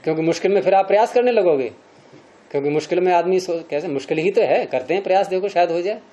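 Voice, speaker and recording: A man's voice: sits high, fast, mellow, highs cut off. A man teaching a classroom lecture on Sanskrit grammar, explaining step by step and quizzing his students as he goes.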